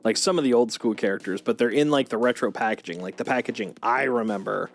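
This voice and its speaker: A male streamer hosting a livestream chats casually while showing off collectible toys, rambling in an enthusiastic, geeky way. His mid-range voice is fast and creaky, with music playing in the background.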